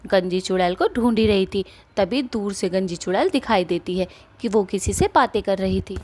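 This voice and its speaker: A woman narrating a cartoon story in a plain, steady storytelling manner. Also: medium pitch, normal speed.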